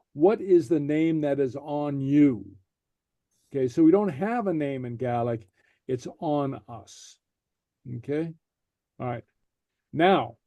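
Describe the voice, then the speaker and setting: Brief: male teacher, slightly high voice, mellow tone, slow patient delivery, dry close sound. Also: no echo, muffled recording. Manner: patient, repeats "okay?" after each point, many fillers. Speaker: language teacher. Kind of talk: slow explanatory class lecture.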